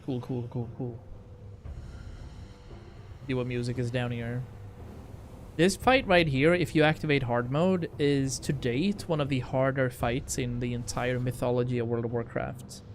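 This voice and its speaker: A man's voice: medium pitch, unhurried, slight background noise. A man livestreaming a video game, chatting casually and slangily with his viewers as he plays. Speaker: livestream gamer host. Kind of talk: casual game stream chat. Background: game music.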